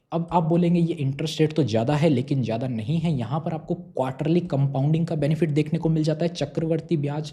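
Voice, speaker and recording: Young guy explaining money stuff step by step, asks himself questions then answers, kinda soft warm tone. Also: fairly high pitch. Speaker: finance YouTuber explaining savings schemes. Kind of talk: explainer talk to camera.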